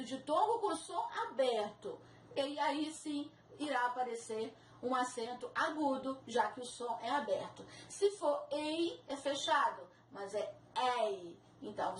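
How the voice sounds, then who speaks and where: A woman teacher giving a recorded grammar lecture with slides, slow and deliberate, spelling out and repeating each example word. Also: fairly high pitch. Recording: echoey room, faint background noise.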